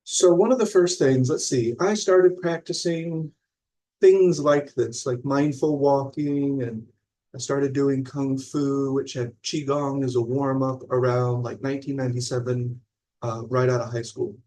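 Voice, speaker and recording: A man's voice: medium pitch, fairly even intonation, a little slow, warm tone. Conversational mindfulness teacher, a man in his forties. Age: 40s. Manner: conversational, rambling, often checks in with listeners. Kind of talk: live-streamed talk reading viewer comments.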